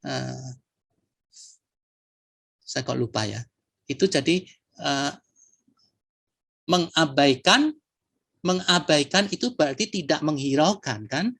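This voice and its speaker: A man giving a measured, reflective talk on word usage at a poetry sharing session, posing rhetorical questions as he explains. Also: on the high side, lively intonation, creaky, fairly bright tone.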